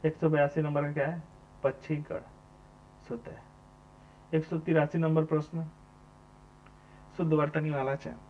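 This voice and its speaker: Male tutor working through a test, somewhat high voice, lo-fi recording. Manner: repeats each question number, asks and answers himself. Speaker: teacher. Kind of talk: exam answer walkthrough. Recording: dull lo-fi sound with mains hum.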